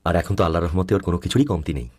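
A man voicing a kindly, wise older clan chief in a dubbed drama, with a husky voice and a soothing manner. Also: low voice, lively intonation, very fast, darkish tone, no echo, clean studio sound. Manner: kind, soothing.

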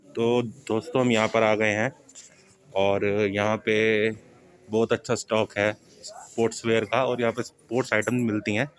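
A man's voice: fairly low pitch, little pitch movement, normal speed. A man casually vlogging while walking through a large sports store, talking to his subscribers. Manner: chatty, addresses subscribers directly. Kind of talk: casual walk-through vlog. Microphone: handheld phone camera.

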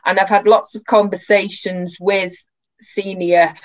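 A woman's voice: medium pitch, little pitch movement, unhurried. A woman in her forties answering reflectively and hesitantly as a researcher on a video-call panel. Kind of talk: thoughtful webinar answer. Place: room at home, indoors. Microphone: computer microphone on video call.

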